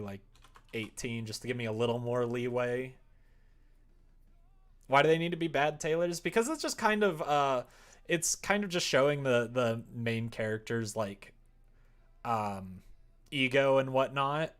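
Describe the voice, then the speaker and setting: Here a man with a mid-range, fairly bright voice works on a game at his computer indoors while streaming. His talk is loose livestream chatter, playful and rambling, as he thinks aloud between tasks.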